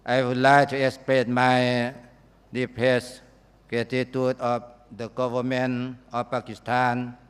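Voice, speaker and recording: A man with a Lao accent giving a formal podium speech, phrasing carefully and haltingly, as a government delegate. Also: medium pitch, completely flat delivery, clean tone. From Laos. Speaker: government official, conference delegate. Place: large conference hall. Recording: reverberant large hall.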